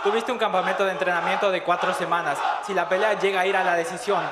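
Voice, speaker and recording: A man's voice: high-pitched, steady tone, racing. A man working as a reporter, asking a direct press conference question. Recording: loud crowd and noise in echoey hall.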